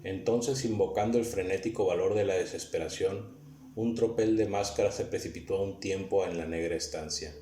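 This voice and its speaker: A man reading a gothic tale aloud as an audiobook narrator, in a solemn, measured and dramatic way, heard in a roomy recording. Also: sits low, mellow. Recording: roomy recording with faint hiss.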